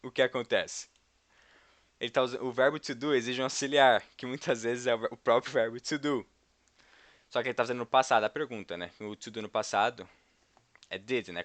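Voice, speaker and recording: A man's voice: medium pitch, fairly bright tone, dry recording. A man with a Brazilian Portuguese accent giving an informal English lesson, explaining step by step and checking in with the viewer. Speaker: English teacher.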